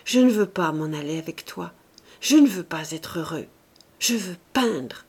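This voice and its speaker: A woman's voice: on the low side, animated, measured pace, darkish tone, husky, full character voice. A woman reading an audiobook voices a stubborn, obsessed male painter in a dull, resigned tone. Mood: resigned, gloomy.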